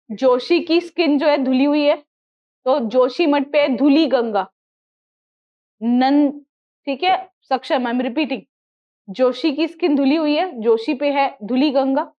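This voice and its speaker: A woman with an Indian accent lectures on geography with a high, unhurried voice, drilling memory tricks and checking if students follow. The sound is a little muffled and lo-fi. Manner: repetitive, drills mnemonics, asks students questions. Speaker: geography teacher for exam prep. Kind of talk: classroom lecture mixing Hindi and English.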